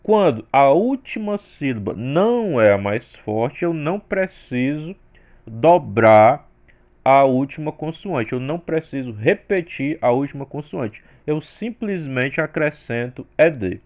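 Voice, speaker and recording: A man from Brazil teaching an English grammar lesson, explaining the rules step by step and saying the sample words louder. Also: medium pitch, sing-song, unhurried.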